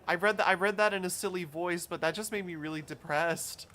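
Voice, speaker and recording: A man's voice: sits high, a little fast, sharp tone. A man streaming a video game, chatting and thinking aloud as he plays. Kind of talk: casual gameplay commentary.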